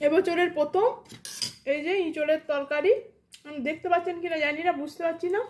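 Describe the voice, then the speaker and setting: A woman's voice: very high voice, fairly even intonation, brisk, a little mellow, a little hiss or hum. A woman chatting casually to her viewers while she eats lunch, talking with her mouth full. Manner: chatty, addressing viewers directly. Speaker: vlogger.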